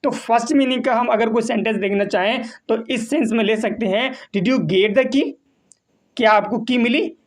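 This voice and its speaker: Patient male English vocabulary teacher. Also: extremely high pitch. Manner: slow, patient, repeats and spells out words. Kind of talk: vocabulary lesson.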